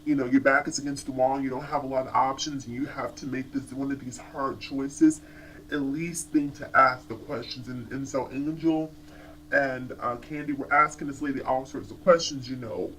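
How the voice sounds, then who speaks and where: A man reviews a TV episode in casual commentary. He is animated and chatty and often circles back to restart a thought. His voice sits at a middle pitch. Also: normal speed, a little hiss or hum, poor audio. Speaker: TV show reviewer.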